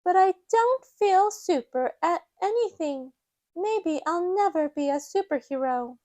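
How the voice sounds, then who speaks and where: A woman voicing an excitable, earnest little girl pig in a children's storybook, childlike and full of exclamation. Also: very high-pitched, unhurried, no echo, pitched above the performer's own voice. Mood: worried.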